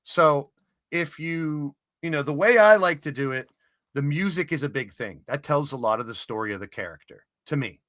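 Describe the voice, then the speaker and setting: A man's voice: a little high, lively intonation, normal speed, fairly bright tone, no room sound, clean studio sound. A man hosting a live stream, talking casually and explaining things step by step with many fillers. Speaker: stream host.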